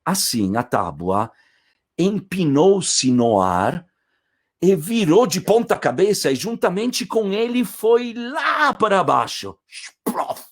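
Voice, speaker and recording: Animated male storyteller. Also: high-pitched, slow pace. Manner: animated, playful, with restarts. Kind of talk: casual oral retelling of a classic tale.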